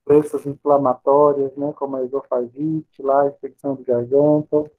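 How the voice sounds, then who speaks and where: A man's voice: medium pitch, level tone, normal speed. Brazilian man lecturing over tinny audio. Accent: Brazilian Portuguese. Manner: explanatory, asks and answers his own questions. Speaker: pharmacy lecturer. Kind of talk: recorded lecture over slides.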